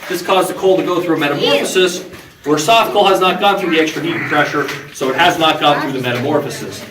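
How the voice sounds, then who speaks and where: A man's voice: a little high, fast, a bit bright. A man giving an explanatory, instructive guided tour commentary as a tour guide inside an underground mine tunnel. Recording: echoey, distant, noisy tunnel recording.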